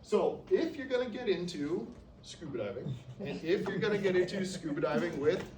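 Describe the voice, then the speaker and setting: A man's voice: high-pitched, animated, normal speed, darkish tone. A male instructor giving a casual classroom lecture, often checking in with "okay?" and acting out patients. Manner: casual, peppers sentences with "okay?", acts out patients. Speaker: respiratory therapy instructor. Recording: roomy, distant classroom recording with noise.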